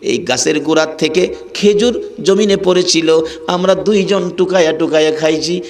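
A preacher doing two wailing hungry children. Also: male voice, close to an everyday voice. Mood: pleading, tearful. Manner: high wailing plea, drawn-out calls. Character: two hungry crying little children, pleading.

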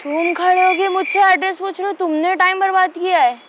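A woman's voice: very high-pitched, steady tone, brisk, background noise. A young woman in a staged street prank, scolding and insisting she won't go along. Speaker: prank target. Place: outdoor street in the evening. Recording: loud background music over the voice.

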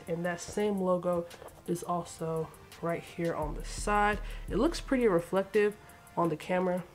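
A fairly low-pitched, darkish voice belongs to a young woman vlogging a sneaker unboxing from her bedroom, where shoe shelves line the walls. She sounds a bit congested and talks in a casual, chatty, slang-heavy manner.

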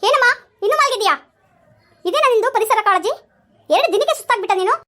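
A woman's voice: extremely high pitch, expressive, quick pace, sharp tone, exaggerated voice. A woman playing a scheming, preachy mother-in-law. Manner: falsely sweet, lecturing, bossy. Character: scheming mother-in-law posing as social worker.

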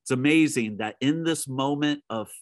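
A man preaching a midweek sermon as pastor, retelling a story and speaking straight to his listeners, who sometimes drops to a soft low voice for emphasis. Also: normal speed, no room sound.

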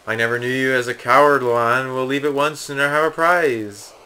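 A man's voice: medium pitch, steady tone, normal speed, bright, forceful tone, clean tone, lightly acted, low-quality recording. A man voicing a pompous, theatrical video game hero, reading the dialogue aloud. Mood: grave. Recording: game music behind.

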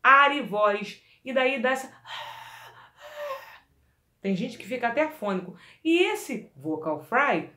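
A woman singing teacher giving a lively vocal lesson, coaching the listener directly and demonstrating exercises. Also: on the high side, slow pace, pauses often. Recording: echoey room.

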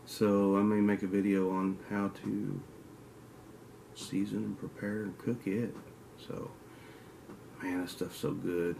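This outdoors channel host, a forties-aged Kentuckian with a Southern drawl, speaks low and flat, slowly, with vocal fry, long pauses and a dark tone. Sitting in a den hung with mounted antlers, he rambles to his desk webcam in casual vlog style and swaps teasing trash talk. Slight background noise is audible.

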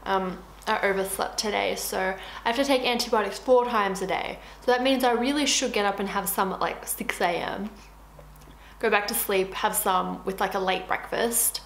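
A woman's voice: medium pitch, steady tone, normal speed. A young woman in her twenties chatting casually while eating, talking with her mouth full. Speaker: beauty vlogger. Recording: echoey room with faint hiss.

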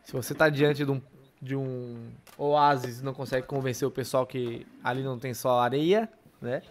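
A man's voice: medium pitch, steady tone, moderate pace, slight background noise. A man co-hosting a podcast, reading passages aloud and then chatting casually. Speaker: podcast co-host. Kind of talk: casual chat.

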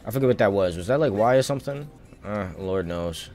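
Over music and game audio, a male game streamer gives casual live commentary, muttering slangy, sweary asides to himself. His voice is on the low side, a bit mellow, expressive and brisk.

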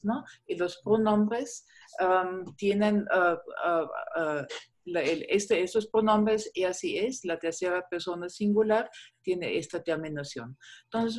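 A woman teaching a class, explaining step by step, patient, with many fillers. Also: mid-range voice. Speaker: German teacher. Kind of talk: online class lecture.

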